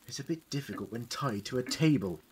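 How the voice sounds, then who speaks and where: An actor in an audio drama playing a clever, compassionate time-traveling Doctor who pleads urgently. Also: male voice, medium pitch, animated, brisk, background noise, close to an everyday voice. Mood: measured, wary. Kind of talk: fan audio drama acting.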